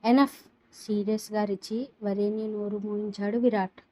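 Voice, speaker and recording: A woman narrating a dramatic story aloud in a steady, even reading voice. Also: medium pitch, moderate pace, low-quality recording.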